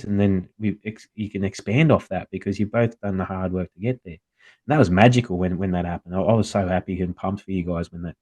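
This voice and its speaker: An Australian man, podcast co-host, chatting in an animated, supportive way and acting out remembered conversations. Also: on the low side, dry recording. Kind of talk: casual chat.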